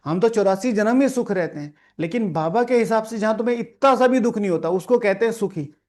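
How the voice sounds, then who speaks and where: A man's voice: high-pitched, fairly quick, darkish tone. A man teaching a spiritual class, reading the lesson aloud and explaining it, scolding the listeners, repeating lines and asking the room questions. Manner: often adds "theek hai" as a check-in. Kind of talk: sermon with explanation to a seated class. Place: meditation hall with a live audience.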